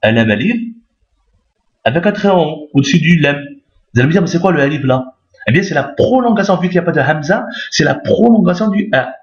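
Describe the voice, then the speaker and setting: A man with a fairly high, animated voice and a fairly quick pace teaches a recorded Arabic alphabet lesson. He is patient and repetitive, often checking that listeners follow, and the sound is roomy, dull and lo-fi.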